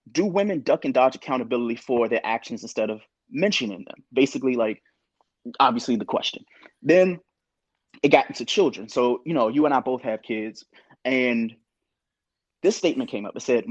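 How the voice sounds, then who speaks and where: A young adult man co-hosting a podcast, talking in an animated, opinionated way and sometimes quoting others. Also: mid-range voice, dry recording, muffled recording. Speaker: podcast co-host. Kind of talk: casual podcast discussion.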